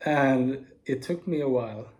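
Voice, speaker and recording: Slow, earnest man in his forties. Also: mid-range voice. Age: 40s. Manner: slow, earnest, with soft laughs. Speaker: video speaker. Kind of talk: reflective spoken monologue.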